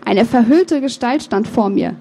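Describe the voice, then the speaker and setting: A woman author reading her novel aloud, with measured, expressive first-person narration and the odd slip of the tongue. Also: a little high, creaky. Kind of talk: book reading.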